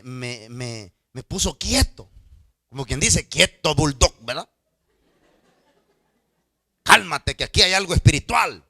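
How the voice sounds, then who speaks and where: Animated pastor, bright dry voice. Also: male voice, high voice, no room sound. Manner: animated, swings from loud outbursts to hushed confiding asides; stammering repetitions. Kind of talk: sermon with storytelling. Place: church.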